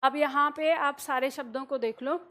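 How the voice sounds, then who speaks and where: A woman's voice: high-pitched, steady tone, normal speed, sharp tone. A woman teacher explaining a lesson patiently, step by step, checking in with the listener as she goes. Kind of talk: classroom explanation.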